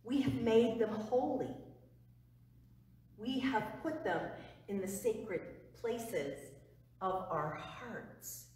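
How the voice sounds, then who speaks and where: A middle-aged woman pastor preaches in a slow, unhurried way, her slightly high voice earnest and emphatic, sinking to a hush on key phrases. She is picked up by a far camera mic in a church sanctuary, with long, echoing reverb around her. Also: slight background noise. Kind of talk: sermon. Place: church sanctuary before the altar.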